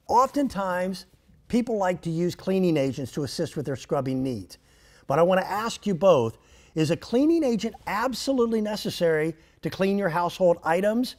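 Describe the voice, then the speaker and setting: A man in his fifties playing a composed TV debate moderator, measured and mock-solemn, stretching words for emphasis. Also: high voice, darkish tone. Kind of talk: mock news debate hosting. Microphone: lapel mic.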